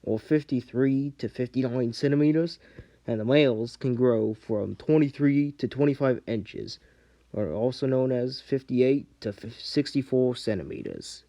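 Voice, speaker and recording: A man's voice: medium pitch, measured pace, gravelly, dark tone, highs cut off. A man narrating a casual home video and reading out measurements in a matter-of-fact way.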